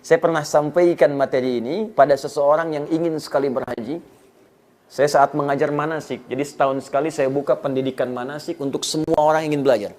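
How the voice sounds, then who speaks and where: A man's voice: fairly high pitch, steady tone, fast, a little mellow. A man from Indonesia giving an Islamic sermon, telling stories and acting out the dialogue with rising emphasis. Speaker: Islamic preacher.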